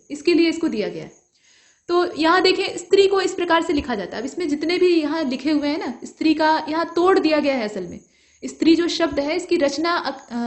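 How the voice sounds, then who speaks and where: A woman teaching an exam-prep grammar lesson, explaining patiently step by step and often checking in with the viewer. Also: high-pitched.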